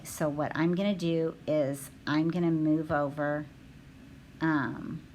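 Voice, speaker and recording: A woman teaching a recorded math lesson, talking her students through the steps out loud with frequent ums. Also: deep voice, slight background noise, rough recording. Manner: thinking aloud with frequent ums.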